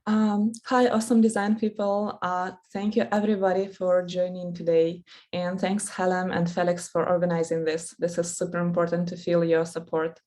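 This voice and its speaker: A woman speaks in a low, even voice. She greets the audience warmly and fills pauses with "um" and "uh". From Ukraine.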